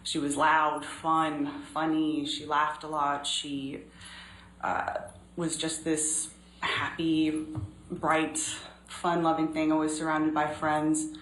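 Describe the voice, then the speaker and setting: A woman in her thirties giving measured, earnest courtroom testimony as a witness, pausing often. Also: low voice, monotone, a bit bright. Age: 30s. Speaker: trial witness. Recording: echoey courtroom recording, faint noise.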